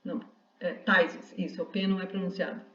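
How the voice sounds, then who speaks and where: A woman's voice: on the low side, flat delivery, a little fast, pushed and bright. A woman, giving a university lecture in an explanatory way with frequent restarts. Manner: explanatory, with many restarts and rhetorical "né?". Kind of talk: online class lecture. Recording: roomy, distant, dull lo-fi sound.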